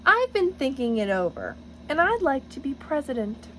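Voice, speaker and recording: A woman's voice: sits high, sing-song, normal speed, slight background noise, low-quality recording. A woman reading the part of an earnest, determined schoolgirl in a storybook, with emphatic delivery.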